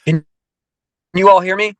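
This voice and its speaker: A man speaking on a video call at a committee meeting, his audio breaking up and cutting out as he talks haltingly and restarts. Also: high-pitched, fairly even intonation, no room sound. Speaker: state hospital official. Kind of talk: remarks at an online committee meeting.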